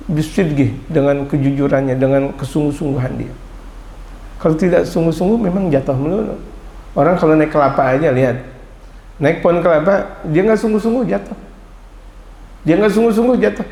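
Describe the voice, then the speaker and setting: Male preacher, fairly high voice, lively sermon, arabic recitation mixed in, echoey hall, long reverb. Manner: lively, mixes Arabic recitation with explanation and playful asides. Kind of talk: Islamic sermon to a congregation.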